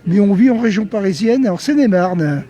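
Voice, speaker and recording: An older man from Lozère, a shopper being interviewed at an outdoor market, who talks haltingly with fillers and restarts. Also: sits high, lively intonation, dark tone, highs cut off. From Lozère, France.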